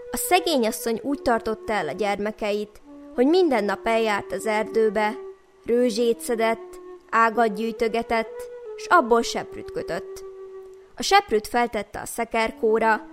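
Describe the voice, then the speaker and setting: A woman telling a folk tale in a lilting, rhythmic way. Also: on the high side. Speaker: storyteller.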